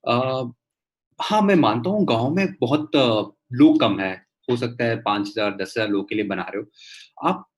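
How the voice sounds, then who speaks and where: Rambling man on a video call. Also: medium pitch. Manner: rambling, many fillers and restarts. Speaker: guest entrepreneur. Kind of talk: casual explanation on a video call.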